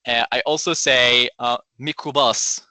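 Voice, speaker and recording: A man's voice: medium pitch, fairly quick, pushed and bright, no room sound. A man from Egypt with an Egyptian accent and Arabic as his first language, explaining things in an interview with examples and easy laughter.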